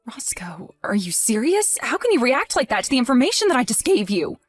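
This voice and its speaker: A woman's voice: sits high, big pitch swings, fast talker, no room sound, soft background music. A woman voicing a grieving young wife in a text-message drama, emotional and pleading. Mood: hurt, pleading. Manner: emotional, pleading, voice rising and falling.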